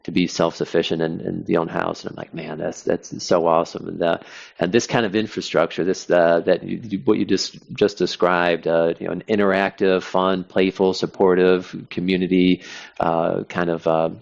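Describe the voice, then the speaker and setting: A man with a very deep, gravelly voice rambles in a relaxed chat, full of restarts and "you know"s. The sound is dull and lo-fi. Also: normal speed. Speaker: podcast co-host. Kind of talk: casual chat.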